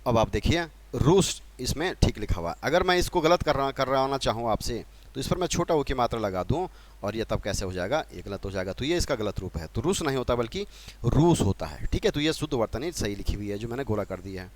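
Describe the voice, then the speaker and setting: A man's voice: mid-range voice, lively intonation, fairly quick. A man from Uttarakhand teaching a spelling lesson at a board in a patient manner, repeating key points and putting questions to the class. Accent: Uttarakhand Hindi.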